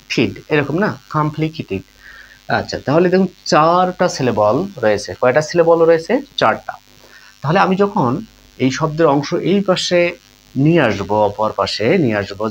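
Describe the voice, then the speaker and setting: A man's voice: on the high side, dull audio. Man teaching a patient grammar lesson. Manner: patient, repeats key points, addresses listeners as friends.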